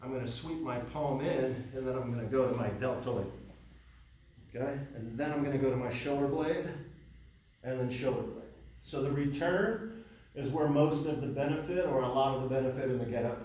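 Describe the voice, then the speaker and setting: A man's voice: mid-range voice, moderate pace, a little mellow. A winded man coaches a kettlebell workout, calling out each step of the moves. He sounds far from the mic in a very echoey gym. Faint room noise sits behind him. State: out of breath. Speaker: fitness coach. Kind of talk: workout instruction.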